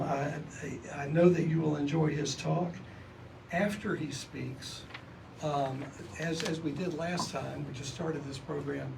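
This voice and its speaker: A man hosting an event, introducing a guest speaker in a loose, halting way with many fillers. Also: a little high, gravelly. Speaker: event host. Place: library meeting room. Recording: distant mic with noisy room.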